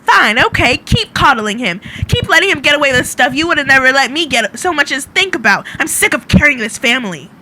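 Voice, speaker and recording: Woman voicing a frustrated young woman, loud, exasperated, animated pitch. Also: fairly quick, hardly any pauses, slight background noise, full character voice, rough recording. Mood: angry.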